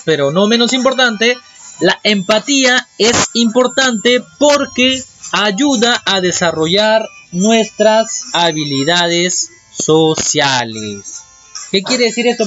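A man teaching an online primary school class, lively and asking the children questions. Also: high-pitched. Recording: dull lo-fi with music behind.

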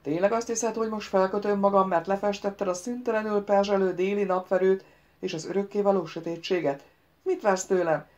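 A woman's voice: mid-range voice, fairly even intonation, darkish tone, close to an everyday voice. A woman voicing a proud young prince who answers back defiantly and sarcastically.

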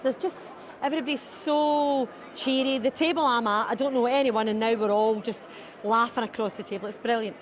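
Brief: Scottish woman, comic guest, lively and self-deprecating, fairly high voice. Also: normal speed. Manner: chatty, self-mocking, lively. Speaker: comedian guest. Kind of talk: live TV interview at an event.

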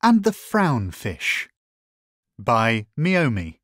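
Brief: children's book narrator, lively melodic lilt, unhurried, dry. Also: medium pitch, no echo. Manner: slow, lilting storytelling. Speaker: storybook reader. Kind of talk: children's book read aloud.

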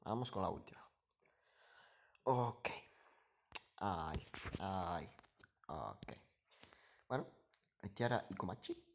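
A man's voice: deep voice, lively intonation, slow pace, long pauses, a little hiss or hum. A man giving live commentary over his own gameplay, muttering asides and repeating short phrases as the action swings. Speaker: gaming streamer.

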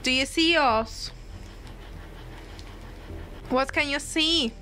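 A woman gently asking questions aloud, slow and coaxing, during a ghost hunt. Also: sits high, slight background noise. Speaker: paranormal investigator. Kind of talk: calling out questions to spirits.

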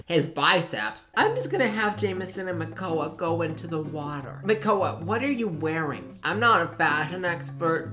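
A young man gives comedic gameplay commentary with music behind him. He is sarcastic and mock-bossy, addressing the game characters as if he were their demanding coach. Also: on the high side. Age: young adult. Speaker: gaming video host.

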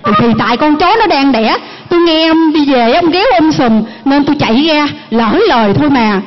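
A woman with a Southern Vietnamese accent playing a chattering farmer's wife who answers back quickly in a stage comedy skit. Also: sits high, natural voice. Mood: bickering. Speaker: stage actress. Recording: muffled recording with music behind.

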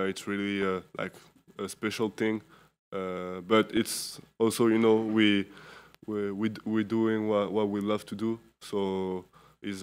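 At a table mic in an indoor press room, a weary European basketball player in his 20s answers postgame questions. His fairly low voice is clean, resonant and smooth, holding a mostly even pitch. His answers come haltingly, full of fillers and false starts.

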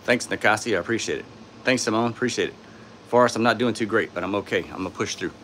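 A man's voice: fast talker, a bit bright, a little hiss or hum. Tired man with a sore throat. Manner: laid-back, tired, low-key. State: sore throat, speaking softly. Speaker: YouTuber hosting a live stream. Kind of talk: casual live-stream chat, reading out and answering viewer comments. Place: indoors in his home studio. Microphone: phone.

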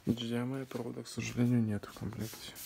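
A man giving a plain, unscripted product demonstration in halting short phrases, recorded on a handheld phone in a shop. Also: medium pitch, flat delivery, gravelly, very noisy. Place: indoors, electronics shop. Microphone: handheld phone behind camera.

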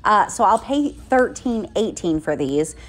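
A woman's voice: medium pitch, lively intonation, measured pace. Middle-aged woman, casual shopping vlog, chatty deal-by-deal narration, store aisle, handheld phone mic. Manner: chatty, walks through prices and deals step by step. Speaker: couponing vlogger. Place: inside a drugstore, walking the aisles.

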